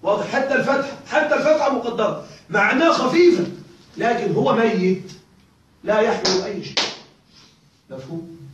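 A fairly high-pitched man teaches grammar to a room of students, repeating each rule and checking again and again that they are with him. His voice rings around a very reverberant classroom and sits at a distance from the microphone. A faint hiss of noise runs under it. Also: expressive, a little fast, pauses often. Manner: drills rules by repetition, often checks students follow. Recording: echoey room, mic far off.

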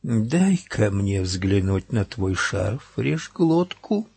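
A menacing gang boss who drags his words out in a soft, hoarse hush, never needing to raise his voice, as a man puts him on. The delivery is husky and dry, close to the ear, with lively swings in pitch. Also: no echo, full character voice. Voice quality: hoarse, hushed, drawn-out. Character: menacing adult male gang leader, quietly cruel.

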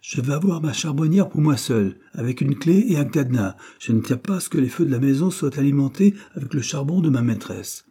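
A man's voice: mid-range voice, lively intonation, a little fast, hardly any pauses, warm tone, husky, voice pushed up. A man reading aloud voices a domineering, scolding middle-aged maidservant woman in a storybook. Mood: grumbling.

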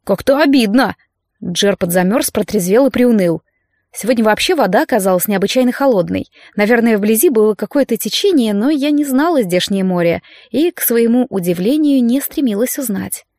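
A woman reading a first-person fantasy audiobook aloud in a lively, expressive way. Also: on the high side, fairly quick, no room sound. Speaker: audiobook narrator.

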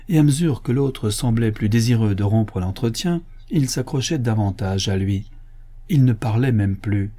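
A man narrating a novel aloud in a steady, measured reading. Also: lowish voice. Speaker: audiobook narrator. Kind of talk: scripted narration.

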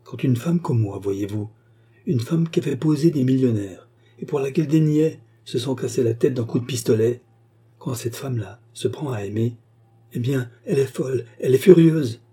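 A remorseful courtesan pours out her confession in an impassioned, pleading voice, read by a man. The tone is very dark and mellow, with a husky grain. It comes across as a figure in an audiobook. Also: mid-range voice, normal speed, natural voice. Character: passionate remorseful woman courtesan.

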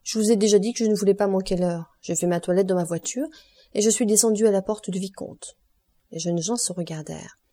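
A woman reads a classic novel aloud as an audiobook in an even, measured delivery. Her voice is mellow and warm, sitting in a middle pitch. She gives each character only a slight change of tone. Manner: reads all characters in a lightly varied voice. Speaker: audiobook reader. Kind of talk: scripted narration of a classic novel.

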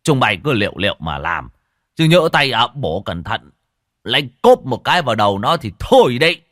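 A bossy old village sorcerer, performed by a male narrator. He barks orders in a loud, gruff voice with a lively pitch. The recording is close and dry. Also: moderate pace, no echo, heavily acted. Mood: shouting.

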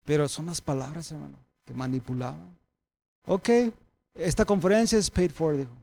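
A man pastor giving a conversational sermon, animated, calling the congregation brothers and swinging between loud and soft. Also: fairly high pitch, normal speed, vocal fry.

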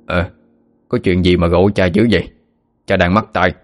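A man voicing an older village healer who talks in a blunt, gruff way. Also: low voice, fairly even intonation, normal speed, soft background music, lightly acted. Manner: gruff, plain-spoken.

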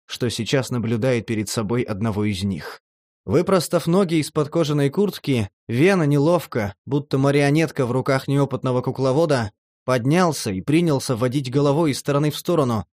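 A man narrating a horror audiobook in a measured, even storytelling way. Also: medium pitch, dry recording, clean studio sound.

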